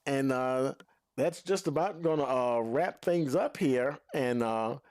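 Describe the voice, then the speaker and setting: Breathless, a sim racing broadcast host reads out results and handles post-race interviews in folksy, stretched-out phrasing peppered with "uh." His medium-pitched voice is slightly mellow. It is studio-quality audio with no room sound.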